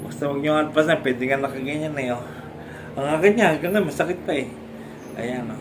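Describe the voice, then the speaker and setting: Filipino guy showing stroke exercises at home, halting talk, lots of ums, keeps chuckling, faint noise behind. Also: fairly high pitch. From Philippines. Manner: halting speech with frequent fillers and restarts; laughs often while explaining. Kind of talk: casual instructional vlog.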